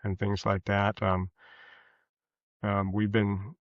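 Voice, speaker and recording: This is a former police officer turned author, an American man in his sixties from rural Kansas, speaking as a casual interview guest. His low-ish voice is monotone, and his answers are hesitant and halting with a folksy flavor. It's recorded with a roomy, dull, lo-fi sound.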